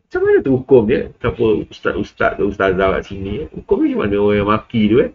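Rambling Malaysian male lecturer, lively. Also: lowish voice, racing, highs cut off. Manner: rambling, with many fillers and laughs. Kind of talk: casual classroom talk.

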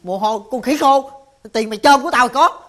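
A woman's voice: high voice, a little fast. A woman with a Southern Vietnamese accent playing a stingy, suspicious older sibling, accusing and whiny. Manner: accusing and whiny, swings from pleading to shouting. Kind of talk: rural family TV drama.

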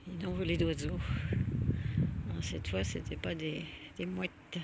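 A woman's voice: lowish voice, little pitch movement, a little slow, gravelly. A woman chatting casually as she walks outdoors and films with a handheld camera, exclaiming at what she sees and sweetly coaxing a dog. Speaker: nature vlogger. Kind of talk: casual walking commentary. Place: outdoors, walking through a small village. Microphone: handheld camera she films and zooms with. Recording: outdoor noise with a dog barking. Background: dog barking, outdoor ambience.

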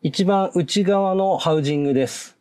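A man giving a polite, measured, step-by-step how-to narration on fitting car parts, marking each step with a short "hai". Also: high voice, mellow. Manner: polite, measured, repeats "hai" between steps. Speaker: product installation instructor.

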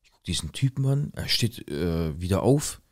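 A man with a deep, low-pitched voice tells a true story from his own life in a loose, conversational way. His speech is blunt and full of street slang. He acts out the other people's lines as he goes. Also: very animated, normal speed. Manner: street slang, plain and direct; acts out quoted lines in the tale. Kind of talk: casual first-person storytelling.

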